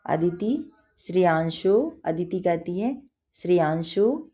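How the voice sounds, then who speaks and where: A woman's voice: fairly low pitch, lively intonation, slow, dark tone, lo-fi sound. A woman teacher reading a Sanskrit school lesson aloud and explaining it line by line in Hindi, often turning to address the children.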